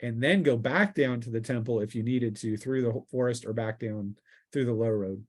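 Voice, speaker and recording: A game master runs a tabletop roleplaying game, narrating and casually explaining rulings in a halting, explanatory way. His voice is mid-range.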